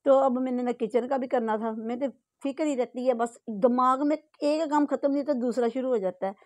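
A woman's voice: high-pitched, fairly quick, no room sound. A middle-aged woman from Pakistan with a Punjabi-tinged accent, chatting homely to a phone camera at home. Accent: Punjabi-tinged Urdu. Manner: chatty, homely, full of asides. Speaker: home vlogger. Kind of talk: casual chat to camera. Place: home bedroom, indoors.

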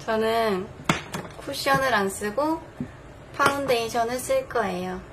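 Speaking a little high and in an unhurried way, a Busan-accented beauty vlogger in her twenties makes casual makeup chat from her bedroom. She laughs a lot, and heavy background noise fills the indoor recording.

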